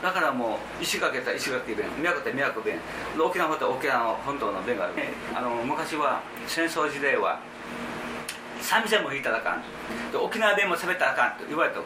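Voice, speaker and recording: A man's voice: mid-range voice, expressive, a little fast. Emphatic older man, roomy noisy recording. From Ishigaki Island, Okinawa. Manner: emphatic, forceful, repeats himself. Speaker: interviewee. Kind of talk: casual interview chat. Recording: roomy echo with background noise.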